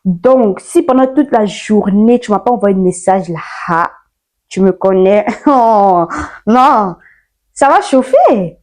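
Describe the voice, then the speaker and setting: She is a nineteen-year-old woman from Ivory Coast, a YouTuber bantering with her camera in a relaxed vlog, full of sass, playfulness, and slang. Her medium-pitched, darkish voice is expressive, and she takes her time.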